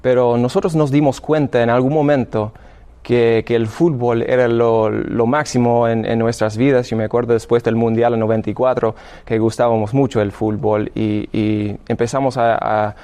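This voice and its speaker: The voice here is a man's, mid-range, steady, warm and smooth, though his Spanish is hesitant and broken by frequent restarts. He is a seminarian from Illinois in his 30s, a native English speaker with an American English accent, offering testimony as a radio interview guest.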